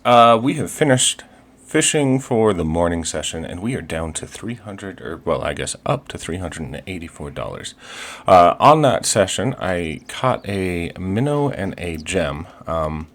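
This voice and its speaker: A man's voice: low-pitched, big pitch swings, measured pace. A man casually commenting over his life-simulation gameplay, chatty and upbeat, with frequent fillers and restarts. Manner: chatty, fillers and restarts, playful pirate talk. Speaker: gaming video host.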